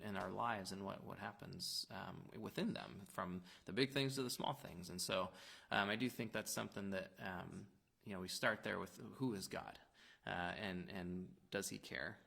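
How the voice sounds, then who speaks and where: A man with a low, gravelly yet bright, forceful voice co-hosts a casual church youth show. He affirms his partner often and explains his points with plenty of "um" and "you know". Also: moderate pace. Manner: affirming, frequent backchannel. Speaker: church youth leader co-host. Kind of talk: casual faith discussion.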